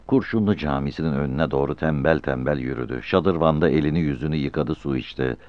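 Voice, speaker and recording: A man narrating a novel in a calm, expressive storytelling voice. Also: rumbling low, quick pace, dry recording. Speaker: audiobook narrator. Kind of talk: literary narration. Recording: slightly muffled dry recording.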